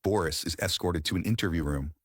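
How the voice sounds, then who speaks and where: A man's voice: sits low, fast talker, very noisy. A man delivering scripted true-crime narration as a studio voice-over.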